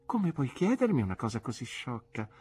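A woman voicing a timid, childish young woman who is easily frightened, speaking in a high, plaintive, pleading way. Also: very animated, moderate pace, dark tone, breathy edge, no echo, heavily acted. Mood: petulant.

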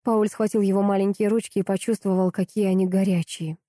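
Woman, audiobook narrator, measured expressive reading, dry close recording. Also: mid-range voice, dry recording.

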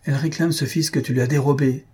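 A man voicing a stern, menacing Brahmin high priest who speaks solemnly and commandingly, in a storybook reading. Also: fairly even intonation, quick pace, darkish tone, husky, close to an everyday voice.

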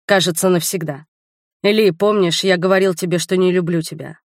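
A woman's voice: lowish voice, steady tone, moderate pace, no room sound, clean studio sound, natural voice. A woman reading as a grave young swordsman. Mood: tender.

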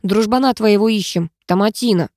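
A woman's voice: medium pitch, moderate pace, darkish tone, no room sound, clean studio sound, close to an everyday voice. A woman voicing an irritated, suspicious male caretaker who speaks sarcastically and bossily. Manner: sarcastic, barely hiding irritation.

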